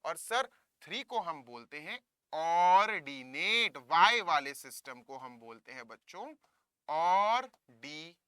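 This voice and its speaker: Indian man, maths teacher, animated swooping voice, bright crisp tone, coaxing students. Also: on the high side, slow, no echo. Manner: lively, coaxing, mixing Hindi and English, calls students kids. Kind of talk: online classroom lesson.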